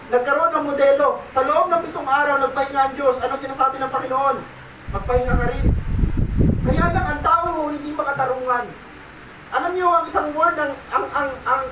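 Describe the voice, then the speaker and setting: High-voiced pastor preaching in an echoey room. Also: male voice, sharp tone, a little hiss or hum. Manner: preaching with repeated "okay?" check-ins and Taglish. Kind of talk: sermon. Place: church. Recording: echoey church room, mic at a distance.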